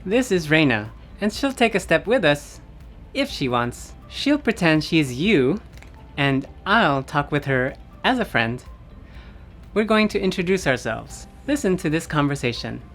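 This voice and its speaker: An American man in a beginner English lesson, speaking deliberately and encouraging learners to repeat simple phrases. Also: fairly high pitch, big pitch swings, fairly bright tone, soft background music. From United States. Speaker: English teacher. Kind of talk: slow, clear beginner language lesson.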